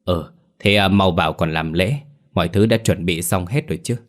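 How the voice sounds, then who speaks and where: A man's voice: sits low, moderate pace, lightly acted. A man voicing a stammering, bossy old clan elder.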